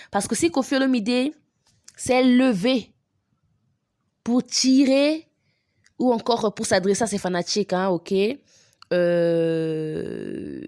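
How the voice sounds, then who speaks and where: A woman hosts a casual celebrity news talk at a steady middle pitch. She reads comments aloud and translates them, with frequent "euh" fillers and restarts. The sound is dry and close to the mic. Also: dry recording. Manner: chatty, many fillers and restarts. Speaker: host of a celebrity news channel.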